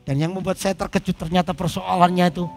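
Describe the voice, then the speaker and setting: A man's voice: high voice, level tone, fast, creaky, faint music behind. A male pastor preaching to his congregation, telling a personal story and animatedly acting out both sides of the conversation. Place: church service before a congregation.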